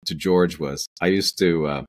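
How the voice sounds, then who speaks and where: Speaking at a normal speed with fairly even intonation, a low-pitched middle-aged actor guests on a casual interview. He rambles through anecdotes, restarting and going off on asides, over a webcam video call from a small home room.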